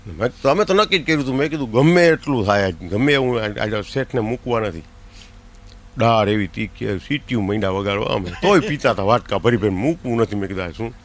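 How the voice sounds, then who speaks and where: A man's voice: on the low side, fairly quick. Gujarati man telling comic stories. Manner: lively anecdotal telling with put-on voices for characters. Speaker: comic storyteller. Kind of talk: Gujarati folk comedy storytelling.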